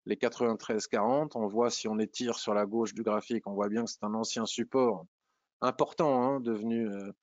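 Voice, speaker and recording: A man's voice: fairly low pitch, steady tone, normal speed, no echo, dull audio. A man walking through stock charts in a screen-share tutorial, thinking aloud with frequent hesitations and restarts. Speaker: trading analysis presenter.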